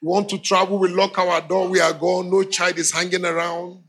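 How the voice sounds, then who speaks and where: A man's voice: sits high, flat delivery, normal speed, gravelly, fairly bright tone. A middle-aged Nigerian man preaching a humorous sermon, laughing often and acting out voices in his stories. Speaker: pastor.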